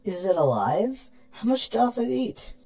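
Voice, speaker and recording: Performer as younger pony princess: naive, wondering, archaic phrasing, swooping husky delivery for a fan fiction drama. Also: medium pitch, very animated, measured pace, mellow, full character voice. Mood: awestruck.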